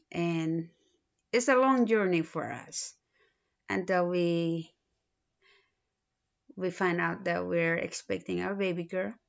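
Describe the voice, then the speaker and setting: Slow, halting Filipino woman. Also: lowish voice, creaky. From Philippines. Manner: halting, many pauses and restarts. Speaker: student introducing herself. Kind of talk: self-introduction video. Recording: dull lo-fi recording.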